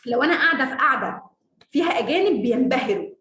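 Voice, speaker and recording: An Egyptian woman with an Egyptian Arabic accent, teaching English in a confident, lively, casual online lesson and laughing often. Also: high voice, fast talker, roomy sound.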